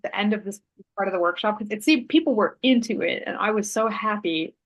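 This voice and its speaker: A woman's voice: mid-range voice, fairly quick, highs cut off. Chatty woman telling a story. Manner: thoughtful, meandering, with fillers and self-corrections. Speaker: interview guest, artist and Human Design author. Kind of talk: relaxed conversational storytelling.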